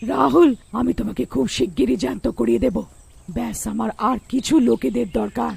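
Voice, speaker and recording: A woman's voice: fairly high pitch, normal speed, creaky, darkish tone, breathy edge, no echo, exaggerated voice. A woman voicing a cruel female witch in a cartoon, cackling and menacing. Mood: tender. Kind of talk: cartoon voice acting.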